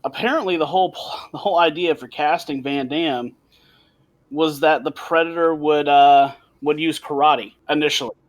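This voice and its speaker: Talking at a moderate pace in a slightly high voice, this podcast co-host joins by remote call. He's lively and informal, frequently laughing and starting his sentences over.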